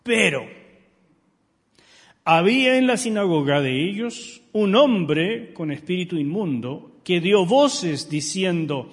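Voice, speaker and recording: A middle-aged pastor preaching a sermon, emphatic and full of rhetorical questions to the congregation. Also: male voice, sits high, expressive, slow pace, slightly rough. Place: church sanctuary. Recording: long church hall reverb.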